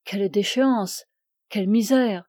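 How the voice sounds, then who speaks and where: A man's voice: high voice, unhurried, a little mellow, no room sound, clean studio sound. A woman reading the part of an aging ascetic priest who preaches with solemn fervor. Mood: fervent. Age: older. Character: aging ascetic male priest, imperious and pleading.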